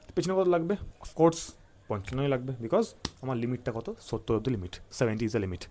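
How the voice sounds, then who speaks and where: A man's voice: medium pitch, big pitch swings, fast talker, dark tone. Bengali accent guy teaching physics, switches between bengali and english, keeps asking "okay?" and answering his own questions. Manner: mixes Bengali and English, asks questions and answers them himself; repeats key points and checks in with listeners. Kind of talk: classroom-style lecture.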